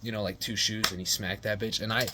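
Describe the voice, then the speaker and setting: A man's voice: lowish voice, level tone, quick pace, heavy background noise. A young man casually telling a rambling personal story, full of swearing, slang and fillers.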